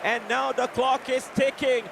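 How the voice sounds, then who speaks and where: A man calling a football video game live, with a measured, halting delivery. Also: very high-pitched, level tone, creaky. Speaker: esports match commentator. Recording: noisy venue with crowd.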